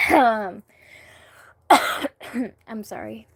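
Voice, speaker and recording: Slow-talking woman rambling on a livestream. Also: a little high, expressive, a bit bright, breathy edge, dry recording, studio quality. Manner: rambling and hesitant, many fillers; talks to chat directly. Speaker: streamer. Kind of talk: casual livestream reaction chat.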